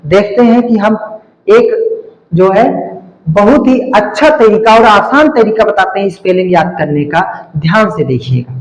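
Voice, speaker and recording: A man's voice: high-pitched, moderate pace. A male teacher giving a grammar lesson, explaining step by step, repeating key words and spelling them out letter by letter. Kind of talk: classroom-style grammar lesson. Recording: echoey room.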